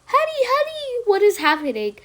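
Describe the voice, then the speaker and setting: A fussing mother calls out in a high, swooping voice, anxious but affectionate as she checks on her child over a walkie-talkie, put on by a young woman. It is a homemade toy role-play with faint clicks behind it. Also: huge pitch swings, normal speed, a bit bright, a little hiss or hum, heavily acted. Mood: alarmed.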